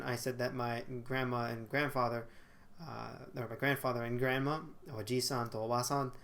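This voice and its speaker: His voice is mid-range and a bit bright. The young vlogger, in his twenties, delivers a relaxed monologue to a webcam from a small bedroom, often stumbling into fillers and self-corrections.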